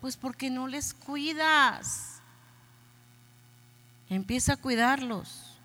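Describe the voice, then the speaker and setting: A middle-aged woman pastor with a Mexican accent preaching a lively sermon, urging her congregation and acting out voices. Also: high-pitched, drawn-out words. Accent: Mexican Spanish.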